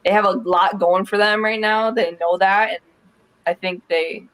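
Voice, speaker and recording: A woman's voice: mid-range voice, steady tone, moderate pace, fairly bright tone, rough recording. A woman guest on a sports podcast, chatting and telling stories in a bubbly way. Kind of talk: casual sports chat.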